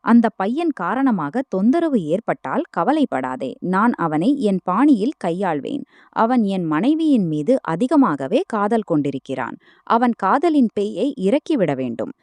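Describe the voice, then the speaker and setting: A woman's voice: mid-range voice, big pitch swings, a little slow, darkish tone, no echo. A woman voicing a possessive, angry young husband in a spoken romance story. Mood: menacing. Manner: menacing, threatening.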